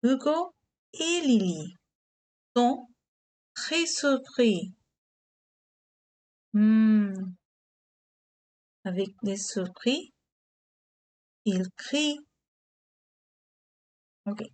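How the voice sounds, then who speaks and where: A woman teaching beginner French, giving English glosses and repeating key words slowly. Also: a little high, lively intonation, a little mellow. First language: Hindi.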